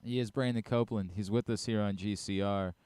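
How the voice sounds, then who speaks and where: A man's voice: fairly low pitch, steady tone, fairly quick, a little mellow, clear, resonant tone, no echo. A man hosting a sports radio show, asking a guest earnest, heartfelt questions. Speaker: radio host. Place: radio studio.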